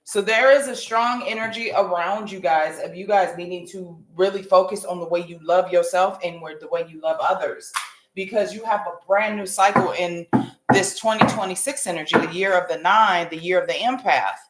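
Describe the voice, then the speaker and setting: A woman's voice: lowish voice, moderate pace. American woman, echoey psychic hotline tarot reading. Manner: informal, familiar, addressing viewers directly with slang. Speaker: tarot reader hosting a live stream. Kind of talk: psychic hotline style spiritual tarot reading, casual livestream chat. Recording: roomy echo with light background noise.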